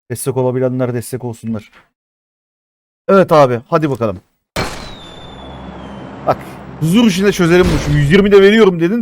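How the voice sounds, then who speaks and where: Excitable man streaming a mobile game. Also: fairly high pitch. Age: 30s. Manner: excitable, chatty with viewers, swears often. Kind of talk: live-stream game commentary.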